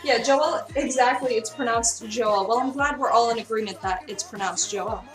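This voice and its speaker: A young woman with a fairly high, fairly bright voice speaks at a moderate pace while cooking on a live stream in a friend's kitchen, chatting with viewers and reading out and answering their messages. She's recorded from a distance, so the sound is roomy and off-mic, with faint music in the background.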